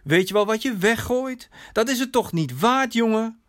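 A man's voice: sits high, lively intonation, normal speed, fairly bright tone, voice pushed up. A man voicing a worried lifelong best friend who earnestly warns a man not to throw his life away. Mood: pleading. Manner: earnest, pleading. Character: concerned lifelong male best friend, warning.

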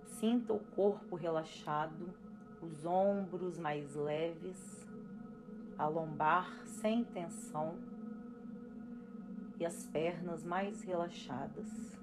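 A Brazilian woman calmly leading a guided breathing and relaxation exercise with unhurried pauses, as an instructor. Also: on the low side, rough recording. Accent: Brazilian Portuguese. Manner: slow, calm, instructing with pauses. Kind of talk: guided relaxation for expectant parents. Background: music.

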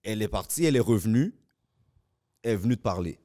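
A man's voice: fairly low pitch, expressive, quick pace, warm tone. Guy hosting a podcast, voice goes up and down a lot, questions and explains. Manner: reasoned, questioning delivery. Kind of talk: casual podcast chat.

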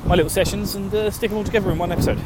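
Rapid-fire and high-pitched with fairly even intonation, this man hosts a gaming show, chatting and rambling to listeners in a sweary, jokey, informal way. He's from Essex, England, with an Estuary English accent and slightly slurred, lazy diction. He's walking outdoors in urban surroundings, recorded on a handheld phone, so traffic noise fills the audio.

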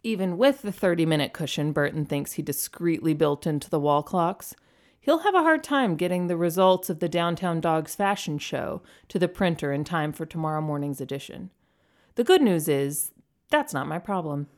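A woman's voice: low-pitched, expressive, normal speed. A woman narrating a novel in the first person, in a dry, wry manner. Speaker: audiobook narrator.

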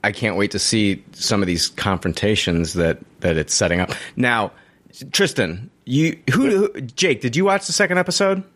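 A man with a slightly low voice hosts a casual podcast. He is relaxed and conversational as he asks his guests questions and keeps the talk moving. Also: moderate pace. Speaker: podcast host.

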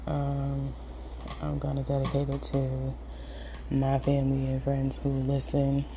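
Soft-spoken woman hosting her podcast. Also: very deep voice, completely flat delivery, a little slow, vocal fry, background noise. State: grieving, holding back tears. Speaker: podcast host. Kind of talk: casual spoken introduction.

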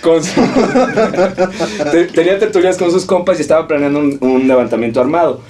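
A man with a Mexican Spanish accent telling history in a casual, profane, animated podcast chat, a bit far from the mic with faint room noise. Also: on the high side, moderate pace. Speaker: podcast host.

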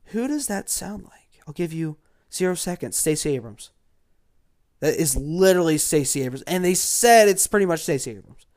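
A man's voice: a little high, lively intonation, moderate pace. A man from Georgia ranting about politics in a casual, sarcastic and mocking way, dropping to mutters and then flaring up. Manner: sarcastic and mocking, swinging from mutters to loud outbursts. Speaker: political commentator.

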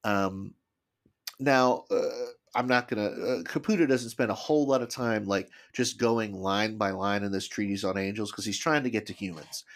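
A man's voice: lowish voice, normal speed, fairly bright tone. A man co-hosting a casual podcast, tentatively explaining a book at length. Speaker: podcast co-host.

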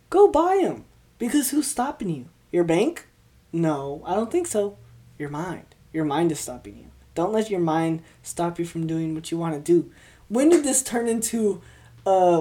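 Hosting a podcast on her own, a twenty-year-old woman chats casually and rambles, tripping over words in a cheerful manner. She speaks with a fairly low pitch and a dark tone. The setup uses a podcast microphone, and the session is filmed for video as well.

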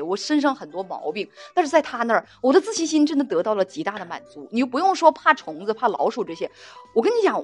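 A woman hosting a talk show, telling a relationship story in a chatty, animated way and acting out the quotes. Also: on the high side. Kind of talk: storytelling monologue.

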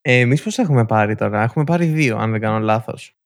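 A young man co-hosting a casual podcast chat, telling stories with animated bursts and rising excitement. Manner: animated storytelling, rising pitch when excited. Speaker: podcast co-host.

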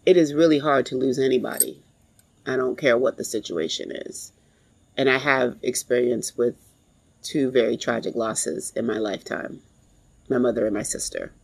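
A woman in her forties telling a personal story in a reflective, halting way. She is grieving and pauses often to compose herself. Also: a bass voice, creaky, husky, rough recording. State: grieving, emotionally strained.

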